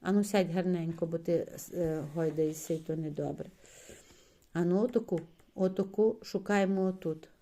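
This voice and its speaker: A woman's voice: fairly low pitch, normal speed, warm tone. A woman teacher giving a patient one-on-one reading lesson to a child, coaxing and praising often and stretching out letter sounds.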